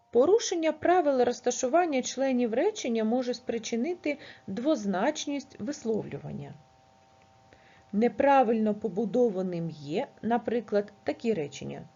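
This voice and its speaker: A woman teacher reads a grammar lesson aloud in a husky, dark voice that sits on the high side and rises and falls a lot. She dictates each example sentence slowly and clearly, and the recording sounds dull and lo-fi.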